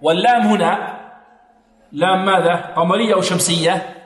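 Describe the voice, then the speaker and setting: A man teaching Quranic recitation rules. He asks questions, answers them himself, and chants slow, drawn-out examples. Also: high-pitched. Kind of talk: tajweed lesson with recited examples. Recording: echoey hall recording.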